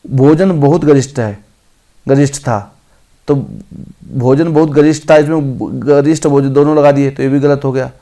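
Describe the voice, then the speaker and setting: A man teaching an exam-prep grammar lesson. He reads each option aloud slowly, then corrects it. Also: mid-range voice, steady tone, warm tone.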